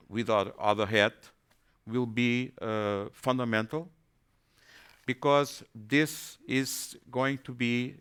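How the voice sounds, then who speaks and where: A man from Portugal, giving a webinar presentation, pausing and repeating words as he thinks. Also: medium pitch, fairly bright tone, clean tone. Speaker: panelist.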